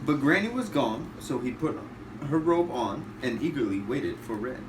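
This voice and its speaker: A man, a father, reading a rhyming bedtime storybook aloud in an animated way. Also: medium pitch, normal speed. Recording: roomy, distant, noisy home recording.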